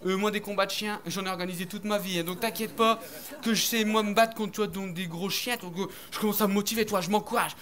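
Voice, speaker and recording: A man's voice: sits high, steady tone, fast, a bit bright. A man doing stand-up comedy on stage, telling a rambling, crude story full of slang and acted-out voices. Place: comedy stage before an audience.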